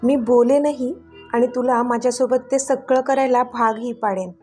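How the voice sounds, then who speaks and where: A woman's voice: fairly high pitch, fairly even intonation, moderate pace, darkish tone, faint music behind, lightly acted. Woman playing a sneering, flirty schemer. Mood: menacing. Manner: teasing, sneering.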